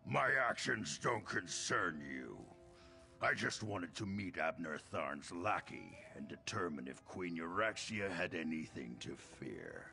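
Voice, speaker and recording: Gravelly, sinister necromancer. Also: male voice, sits low, very animated, bright, forceful tone, soft background music, full character voice. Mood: sinister, boastful. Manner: menacing, drawn-out, theatrical. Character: sinister, smug necromancer, servant of a queen. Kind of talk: video game character acting.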